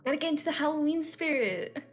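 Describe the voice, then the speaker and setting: A woman's voice: high-pitched, animated, fast, soft background music. A woman playing her character in a game roleplay chat, teasing and giggly, often trailing off mid-sentence. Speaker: roleplay player.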